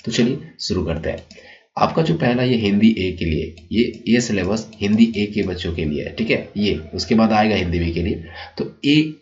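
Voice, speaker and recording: Man teaching a class, low voice, dull lo-fi recording, patient explanatory manner. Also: lively intonation, normal speed, a little hiss or hum. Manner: repeats "ठीक है" and addresses children warmly, explanatory. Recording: dull lo-fi sound.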